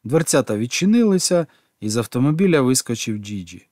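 A man narrating an audiobook in an expressive, animated way. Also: mid-range voice, fairly quick, dry recording, clean studio sound.

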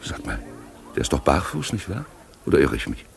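A languid, mocking gentleman. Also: a bass voice, wildly swooping pitch, brisk, vocal fry, soft background music, exaggerated voice. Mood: ironic. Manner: languid, ironic and cultivated. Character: urbane, mocking gentleman observer.

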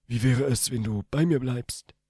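A man's voice: medium pitch, measured pace, warm tone, husky, no room sound, studio quality, pitched above the performer's own voice. A man playing a shy, nervous young man in a read-aloud story, his voice a little raised and tense.

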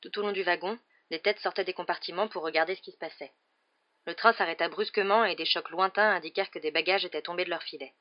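Woman audiobook narrator, low, measured, lo-fi recording. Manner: steady, measured reading. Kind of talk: scripted narration.

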